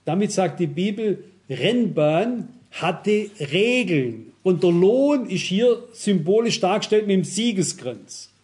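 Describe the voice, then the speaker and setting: A man's voice: high-pitched, sing-song, darkish tone. A man preaching a sermon, reasoning with examples, reading Bible verses aloud and often asking the congregation "wisst ihr?". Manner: measured, cautious reasoning with examples.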